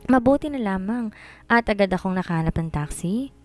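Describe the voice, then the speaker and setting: A woman's voice: medium pitch, expressive, fairly quick, darkish tone, soft background music. A woman narrating a first-person drama story in an earnest, emotional way.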